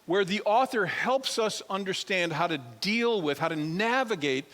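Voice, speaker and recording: A male pastor preaching a sermon to a church crowd, telling a personal story in an animated way and speaking straight to the listeners. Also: high voice, normal speed. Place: church sanctuary. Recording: long hall reverb.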